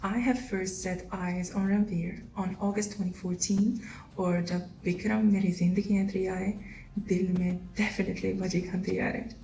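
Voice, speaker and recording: A woman from Algeria giving a measured, poetic fan testimonial. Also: medium pitch, level tone, gravelly, warm tone, slight background noise. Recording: roomy echo.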